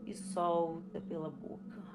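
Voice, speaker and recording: A Brazilian woman calmly leading a guided breathing and relaxation exercise with unhurried pauses, as an instructor. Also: fairly low pitch. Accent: Brazilian Portuguese. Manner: slow, calm, instructing with pauses. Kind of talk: guided relaxation for expectant parents. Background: music.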